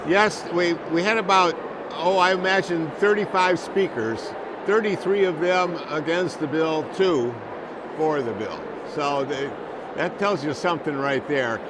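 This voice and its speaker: A man reporting in an unscripted news discussion, explaining things in a halting, measured way. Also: on the high side. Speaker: public broadcasting reporter. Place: noisy capitol building. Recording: noisy hall, loud waterfall-like din.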